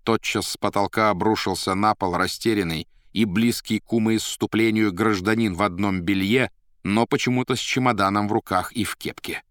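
A man narrating a literary audiobook in a measured, expressive way. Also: lowish voice, dry recording, studio quality.

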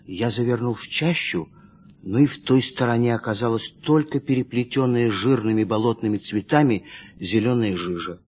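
A man narrating a story in an expressive, dramatic reading style. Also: medium pitch, normal speed, husky. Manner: lively, dramatic storytelling with shifting emphasis.

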